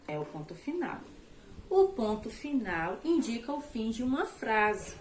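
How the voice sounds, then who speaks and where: A primary school teacher, a woman with a Brazilian Portuguese accent, guides children through workbook exercises in a recorded lesson. She speaks at a middle pitch, tender and patient, often pausing to check they follow. A faint noise sits under the recording. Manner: affectionate, repeats checks like "tá bom?". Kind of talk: recorded remote lesson walkthrough.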